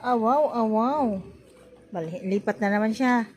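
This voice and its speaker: A woman's voice: on the high side, a little slow, a little hiss or hum. Woman baby-talking to her dogs. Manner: coaxing, sing-song pet talk. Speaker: vlogger filming her pets. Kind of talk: baby-talk to pets.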